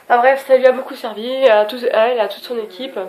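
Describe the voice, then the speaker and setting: A woman's voice: fairly high pitch, fairly even intonation, fast, noisy background. A young French woman reviewing her lipsticks in a casual, chatty, scattered, self-mocking way. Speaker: beauty vlogger.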